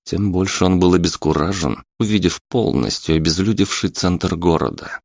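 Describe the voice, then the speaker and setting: A man reads an audiobook in a very deep voice, steady and even. The recording is dry and close, with no room sound. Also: normal speed, vocal fry, no echo. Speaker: audiobook narrator. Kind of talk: scripted narration.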